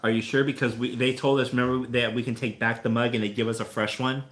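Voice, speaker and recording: A man's voice: mid-range voice, level tone, fast, fairly bright tone. Joking guy on a live stream, medium voice, teasing his partner. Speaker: vlog co-host. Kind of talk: casual live-stream chat.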